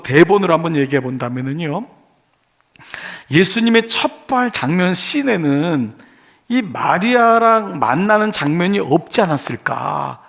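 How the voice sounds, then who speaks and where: A man's voice: a little high, creaky, a bit bright. A male pastor giving an earnest sermon in short phrases, putting rhetorical questions to his congregation. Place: church sanctuary.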